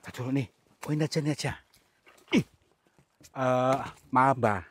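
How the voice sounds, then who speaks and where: A man from Central Java presents a staged ghost-hunting vlog outdoors. He talks in a hushed, coaxing way and often drops to a whisper. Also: mid-range voice, normal speed, a little hiss or hum. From Cilacap, Central Java. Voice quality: very husky. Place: outdoors on an overgrown hillside.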